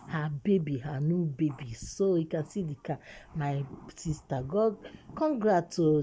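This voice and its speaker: A woman's voice: sits low, warm tone, husky, poor audio. A woman with a Nigerian accent giving casual gossip commentary in Nigerian Pidgin as a vlog host, urging listeners and repeating phrases for emphasis.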